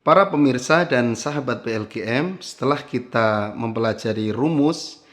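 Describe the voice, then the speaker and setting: A man teaching Quran recitation melodies, chanting verses slowly and then explaining each step in a lower speaking voice. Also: expressive, fairly bright tone.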